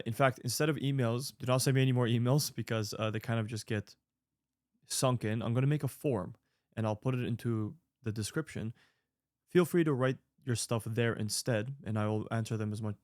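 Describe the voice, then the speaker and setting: Answering viewer mail, an online creator in his late twenties gives casual, earnest advice, rambling with fillers and restarts. His mid-range voice is a little mellow, captured in a dry, studio-quality recording.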